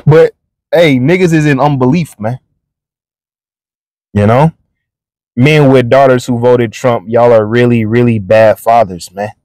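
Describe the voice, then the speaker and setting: A man's voice: mid-range voice, fairly even intonation, a little slow, pauses often, darkish tone, no echo. A man giving casual, mocking reaction commentary, blunt and heavy with profanity. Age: adult, a father. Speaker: religious commentator.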